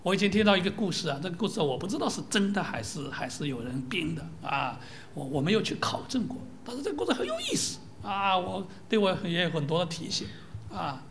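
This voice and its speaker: A preacher delivering a sermon as a lively story. The pitch moves constantly, rising high and sinking into soft, near-whispered asides, with rhetorical questions tossed to the listeners. Faint background noise sits under the voice. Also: quick pace.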